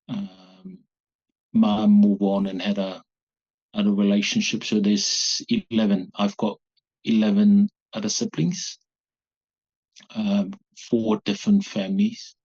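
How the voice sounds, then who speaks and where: A man in his forties from Samoa, speaking haltingly as a guest in an interview. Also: fairly low pitch, darkish tone, slightly rough, muffled recording. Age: 40s. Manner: halting, searching for words. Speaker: guest, abuse survivor. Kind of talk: personal interview.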